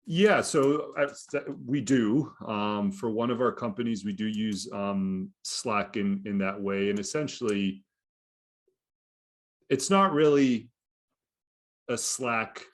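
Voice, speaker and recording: A man with a fairly low voice co-hosting a casual podcast. He explains things in long, winding stretches and keeps dropping in "you know" and "right?" as he talks. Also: slow pace. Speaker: podcast co-host. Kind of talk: casual conversational podcast chat.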